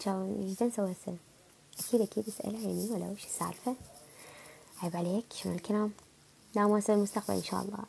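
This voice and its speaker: A creaky, slightly rough, somewhat mellow medium-pitched voice belongs to a young livestream host with an Iraqi Arabic accent. Feeling sick, she chats casually with viewers and responds to their comments.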